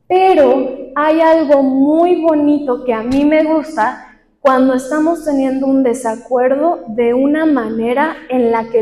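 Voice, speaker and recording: A woman's voice: high voice, warm tone. A young woman giving a workshop talk to a live group, teaching conversationally and asking the audience questions. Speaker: workshop speaker. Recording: echoey hall with long reverb.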